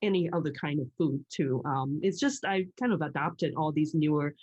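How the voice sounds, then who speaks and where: In a muffled recording, a middle-aged Hong Kong woman chats casually as a guest. She speaks at normal speed in a low, darkish, slightly rough voice. Talkative and quick to laugh, she frequently starts her sentences over.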